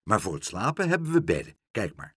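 Man doing a loud hearty storybook dad. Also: on the low side, very animated, a little fast, slightly rough, dry recording, studio quality. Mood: chatty. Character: boisterous hospitable father cooking fries.

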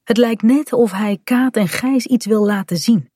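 A woman calmly reading a children's story aloud in a gentle storytelling manner. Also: a little high, unhurried, no echo, clean studio sound. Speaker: storybook reader.

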